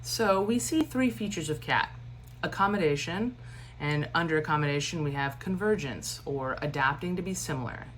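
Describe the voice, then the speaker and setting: A low-voiced woman teaches a recorded online lesson. She keeps a steady cadence while adding animated emphasis and informal asides. A faint hum sits behind her voice. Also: normal speed. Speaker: instructor. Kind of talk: lecture for a recorded online class.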